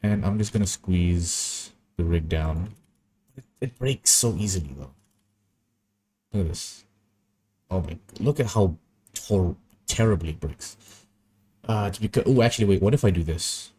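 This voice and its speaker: A young man talks in a loose, rambling way, amused by his own stories as he works. His voice sits low and a little husky. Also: measured pace, long pauses, dark tone. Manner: rambling, anecdotal, easily amused. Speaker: animation streamer. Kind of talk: casual chat while animating.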